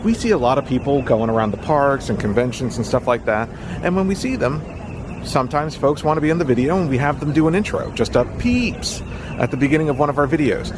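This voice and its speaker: A man's voice: mid-range voice, expressive, fast. A man hosting a theme park vlog, talking casually to his viewers outdoors. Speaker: theme park vlogger and channel host. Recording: noisy outdoor amusement park ambience.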